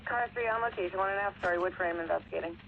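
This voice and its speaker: A man's voice: high-pitched, rapid-fire, vocal fry. A man working as a firefighter, giving urgent, clipped reports over a two-way radio. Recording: tinny, slightly noisy radio transmission.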